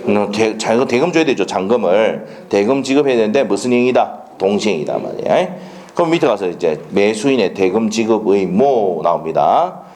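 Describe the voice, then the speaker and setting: Gyeongsang guy teaching a law class, bouncy up and down pitch, keeps asking "right?" and tossing out quick blunt questions. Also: expressive, a little mellow. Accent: Gyeongsang Korean. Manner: peppers talk with rhetorical questions and checks; blunt, colloquial banter. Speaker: law lecturer. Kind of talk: classroom lecture.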